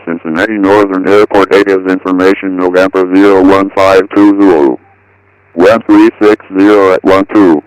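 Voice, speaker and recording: A computer-generated male voice reading an automated airport weather broadcast in an even, clipped way, looping the same report. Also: deep voice, clean tone, dry recording, rough recording. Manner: even, clipped, text-to-speech delivery.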